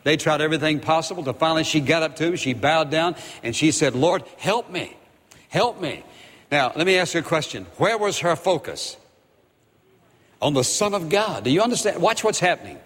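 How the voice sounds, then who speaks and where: A man's voice: fairly high pitch, lively intonation, a little fast, fairly bright tone, in a large hall. A man preaching a sermon with emphatic, repeated phrases, acting out the voices of people in the Bible.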